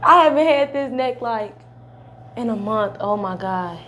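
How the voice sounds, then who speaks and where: A woman's voice: on the high side, expressive, unhurried, fairly bright tone, a little hiss or hum. A young adult woman in a chiropractor's treatment room, exclaiming and laughing in astonished outbursts as a patient. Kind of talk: spontaneous reactions during treatment.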